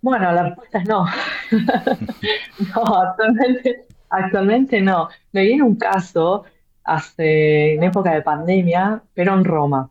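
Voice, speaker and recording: Answering interview questions, this female author and blockchain real estate guest speaks slowly in a mid-range voice. She hesitates frequently, with lots of fillers and repeated words, and the audio is dull and low-fidelity.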